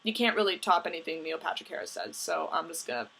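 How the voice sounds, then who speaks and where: A woman's voice: on the low side, fast talker, gravelly, pushed and bright, slight background noise. A young woman talking straight to camera in a casual vlog, earnest and emphatic, with the odd swear word. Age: young adult. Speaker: vlogger.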